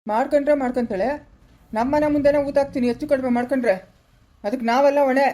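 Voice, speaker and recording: A woman plays a harsh in-law in a home-made family drama. The voice has a rural Karnataka accent and sits fairly high. She scolds in a loud, cutting way. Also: steady tone, fast, natural voice. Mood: scolding. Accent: rural Karnataka Kannada.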